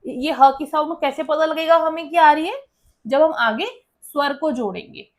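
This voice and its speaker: A woman's voice: sits high, normal speed. A woman teacher explaining a school lesson, often asking students a question and then answering it herself.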